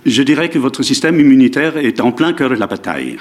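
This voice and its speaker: A man voicing a calm, formal male doctor with a heavy foreign accent in a dubbed series scene. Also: medium pitch, a little fast, natural voice. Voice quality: stiff, polite, formal.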